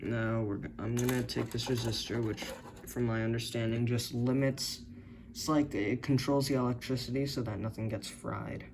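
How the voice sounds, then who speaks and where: Hesitant hobbyist man, gravelly voice, slow delivery, captured on noisy camera-mic audio. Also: mid-range voice, flat delivery. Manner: hesitant, unsure, many self-corrections. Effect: camera-recorded audio. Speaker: hobbyist building circuits. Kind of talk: thinking-aloud tinkering narration. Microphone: camera's built-in mic.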